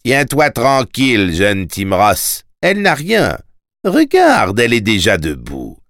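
A man voicing a sinister, mocking male tax collector in a storybook, sly and taunting with sudden loud commands. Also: on the low side, wildly swooping pitch, takes it slowly, dry recording, clean studio sound, heavily acted.

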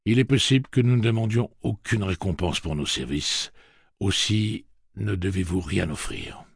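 A man voicing a stern gunslinger leader who speaks in a cutting, booming tone. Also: normal speed, creaky, breathy edge, dry recording, studio quality.

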